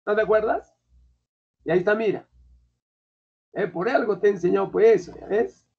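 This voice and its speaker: A high-voiced male language teacher from Peru gives a classroom lecture at a moderate pace, his voice showing vocal fry. He speaks colloquially and keeps quizzing his students, all captured on a dull, lo-fi classroom recording.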